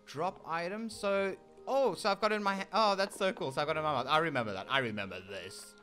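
A man with a South African accent hosting casual gameplay commentary, excitable and talking straight to his viewers. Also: fairly high pitch, quick pace, faint music behind. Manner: excitable, keeps addressing viewers as "ladies and gentlemen"; meows and plays along as his kitten character. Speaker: gaming channel host.

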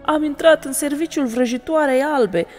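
Woman voicing a sobbing male faun, remorseful, lamenting, high voice, reverberant. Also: a little mellow, faint music behind, natural voice.

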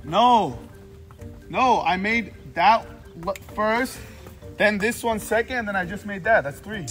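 High-voiced young man, frat-bro banter. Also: a little slow, a bit bright, long reverb tail, faint music behind. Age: 20s. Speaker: vlogger. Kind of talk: casual vlog banter. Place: outdoor backyard court and living room. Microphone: handheld camera at some distance.

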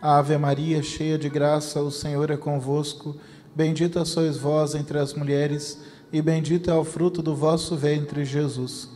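A man with a Brazilian Portuguese accent reciting the rosary in a steady chant. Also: fairly high pitch, measured pace, faint music behind. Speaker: rosary prayer leader. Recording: long reverb with faint noise.

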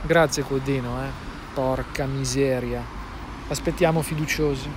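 A man's voice: medium pitch, steady tone, a little slow. A man with a northern Italian accent giving a wry, sweary, exasperated vlog update to camera. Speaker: vlogger. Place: outdoors at a roadside. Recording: noisy outdoor roadside.

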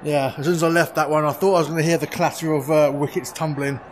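A man giving relaxed, chatty running commentary on his own play in a VR cricket game, with quick exclamations. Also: fairly high pitch. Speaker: gaming video creator. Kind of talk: live commentary while playing a VR cricket game. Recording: steady background noise.

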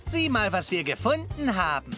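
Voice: mid-range voice, normal speed, lightly acted. Actor doing a playful cheeky cartoon digger, teasing, voice bounces all over, music behind. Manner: teasing, lively. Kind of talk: animated children's series dialogue.

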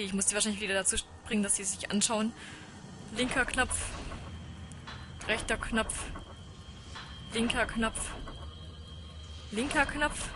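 A woman's voice: medium pitch, background noise. A woman commenting casually on a horror game she plays, reading its text aloud and chanting panicky repetitions when scared. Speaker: let's play gamer.

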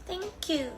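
A young woman hosting a live stream, chatting playfully with viewers in a mix of her own language and halting English. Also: high-pitched. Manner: mixes Korean and halting English, playful and bubbly. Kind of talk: casual live chat with viewers.

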